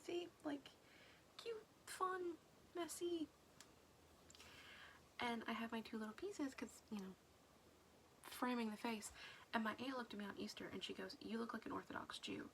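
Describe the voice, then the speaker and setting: A woman's voice: on the high side, unhurried, long pauses, a little hiss or hum. A woman vlogging casually, rambling through questions in a chatty way with many half-whispered asides. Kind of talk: casual video diary chat.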